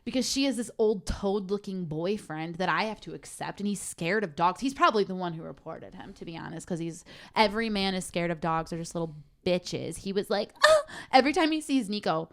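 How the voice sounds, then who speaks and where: A woman's voice: on the low side, animated, fairly quick. Young woman, podcast co-host, casual chat, heated and profane.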